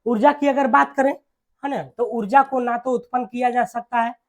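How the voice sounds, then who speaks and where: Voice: medium pitch, steady tone, moderate pace. Teacher quizzing repetitively. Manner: repeats key words, quizzes with "है ना" tags. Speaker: exam-prep teacher. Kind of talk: classroom-style exam lesson.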